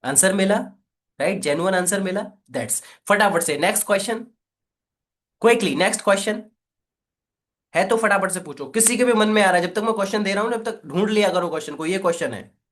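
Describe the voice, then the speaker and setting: ऊर्जावान, ऊँची आवाज़ वाला हिंदी ट्रेनर पुरुष. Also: male voice, sits high. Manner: energetic, coaxing, repeats "right?" and "quickly". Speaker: affiliate marketing trainer. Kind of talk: live online training session.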